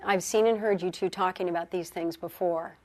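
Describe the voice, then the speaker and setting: An actress playing a senior female physician who speaks in a calm, concerned, directive way. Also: fairly low pitch, a little fast, natural voice. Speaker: supervising physician.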